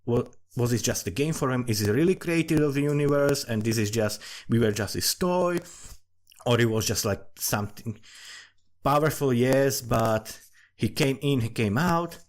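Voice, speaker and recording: Thinking out loud about his fantasy world, an amateur writer gives profane, loose commentary, frequently restarting what he says. He has a medium-pitched voice with lively intonation at a moderate pace.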